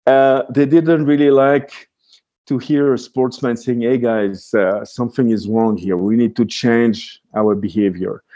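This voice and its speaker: Hesitant Swiss man with a mellow voice. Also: mid-range voice, steady tone, unhurried, dull audio. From Switzerland. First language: French. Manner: hesitant, many restarts and fillers. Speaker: guest, freeride skier. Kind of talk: casual interview talk.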